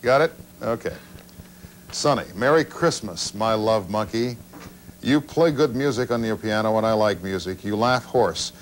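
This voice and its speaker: An older man with a lowish voice hosts a call-in TV show from a small studio, chatting casually at normal speed in a folksy, dryly joking way. The audio comes from a noisy old broadcast tape.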